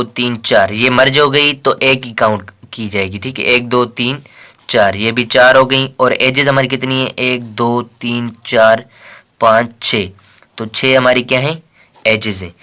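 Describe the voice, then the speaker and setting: Guy from pakistan doing a math lesson, bright voice, mid pitch, keeps saying theek hai. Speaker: math teacher. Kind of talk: casual lecture explaining textbook exercises.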